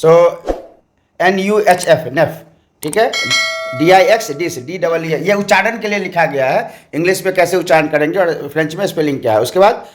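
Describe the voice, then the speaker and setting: A woman's voice: fairly low pitch, normal speed. A woman co-teaching a home French lesson as a parent, patiently explaining and repeating each answer back.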